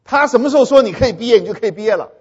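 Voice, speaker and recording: A high, lively male voice that swoops around, slightly husky, telling a humorous story to an audience and pausing to ask whether they follow. It reaches the listener through a dull, lo-fi recording with long hall reverb. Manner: animated, keeps checking if listeners understand. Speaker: speaker addressing an audience.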